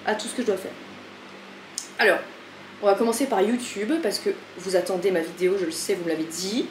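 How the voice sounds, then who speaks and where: Her voice mid-range and steady, a vlogger talks briskly through a casual daily vlog in her home kitchen. She is frazzled and self-mocking, keeps speaking to her cat, and the echoey room has faint background noise.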